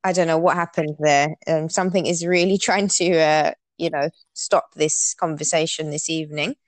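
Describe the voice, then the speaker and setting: A woman's voice: low-pitched, steady tone, normal speed, dry recording. Woman hosting a podcast, polite and formal. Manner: polite, formal welcoming phrasing. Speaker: podcast host. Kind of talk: casual interview hosting.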